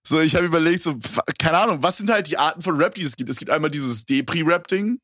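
A young man talks casually into a headset, slangy and full of fillers. His voice sits a little high. The recording is dry, with no room sound. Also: fast, fairly bright tone, dry recording. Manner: slangy, rambling, with many fillers. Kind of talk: casual chat. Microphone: wireless gaming headset.

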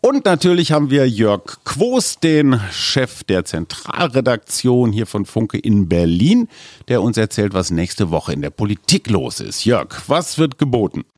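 A man hosting a podcast in casual chat, animated and joking as he asks questions. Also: medium pitch, a little slow, no echo, clean studio sound. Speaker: podcast host.

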